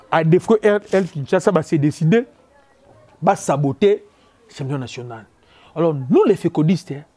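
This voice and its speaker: A man with a Congolese French accent delivers a heated, repetitive rant as a football commentator. His voice sits high for a man yet sounds dark and mellow in tone. He hammers each point again and again. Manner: emphatic, repetitive, rapid code-switching. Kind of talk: opinion rant on local football.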